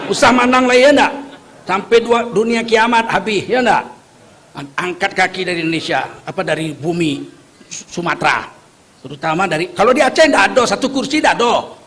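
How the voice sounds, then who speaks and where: A man delivers a fiery sermon in a remarkably high-pitched voice. He jokes with his listeners and keeps pressing them to answer back. His delivery is rousing, built on call-and-response with the crowd. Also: fairly bright tone, a little hiss or hum. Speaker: Islamic preacher.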